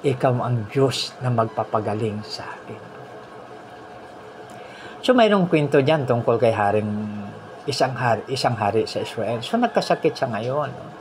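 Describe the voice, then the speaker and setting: A man preaching a sermon, telling stories in an animated way, mixing in English phrases and ending points with "no?". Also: normal speed, background noise. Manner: animated storytelling, voice rising high when quoting people; mixes English phrases into the preaching, frequent "no?" tags.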